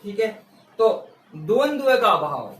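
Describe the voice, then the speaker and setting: High-voiced man teaching in an echoey room. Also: big pitch swings, slow, faint music behind. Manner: asks questions and answers them himself, repeats key words; patient, step-by-step explaining. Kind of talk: exam-prep grammar lesson. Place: room with a board he writes on. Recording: echoey room, mic far off.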